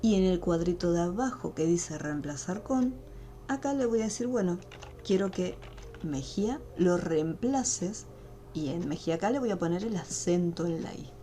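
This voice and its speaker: A woman's voice: on the low side, lively intonation, normal speed, warm tone, soft background music. A woman teaching an online class over a video call, explaining each step patiently. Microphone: computer mic on a video call.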